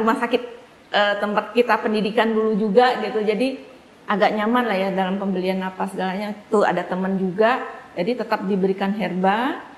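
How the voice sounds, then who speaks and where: A woman telling a family story in a casual interview, acting out the dialogue in lively voices. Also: mid-range voice. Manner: animated, acts out quoted dialogue. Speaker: guest sharing a family case story. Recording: echoey room with faint background noise.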